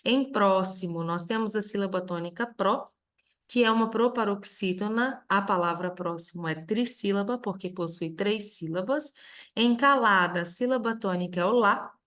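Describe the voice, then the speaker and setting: Brazilian lady teacher going over grammar, steady, punches each example word. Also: mid-range voice. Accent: Brazilian Portuguese. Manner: clear, step-by-step explanation with stressed example words. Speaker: Portuguese teacher. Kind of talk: reviewing a grammar lesson.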